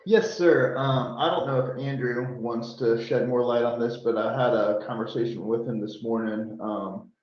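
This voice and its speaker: A man's voice: mid-range voice, steady tone, moderate pace, few pauses. Polite man in an echo chamber. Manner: polite and hesitant, says "yes sir". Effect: sounds like in an echo chamber. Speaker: meeting attendee reporting field issues. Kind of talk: remote meeting update. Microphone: too far from the mic. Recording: echoey muffled remote mic far off.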